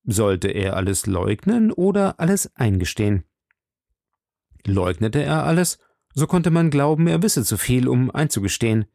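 Gravelly male audiobook narrator. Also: mid-range voice, a little mellow, no room sound, studio quality. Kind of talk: scripted literary narration.

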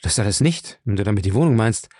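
A man voicing a defensive, hasty young man who answers briskly. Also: lowish voice, lively intonation, dark tone, slightly rough, no room sound, studio quality.

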